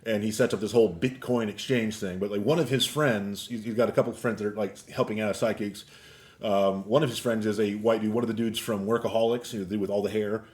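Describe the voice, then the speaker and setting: A man's voice: lowish voice, fairly even intonation, fast talker, darkish tone. A man co-hosting a podcast in casual chat, telling a story in a rambling way with many restarts. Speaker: podcast co-host.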